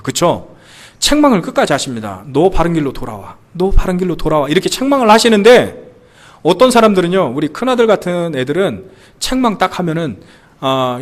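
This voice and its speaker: A man in his thirties preaching a sermon in a church, asking the congregation questions and telling stories about his young sons. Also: on the high side. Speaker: pastor. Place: church sanctuary.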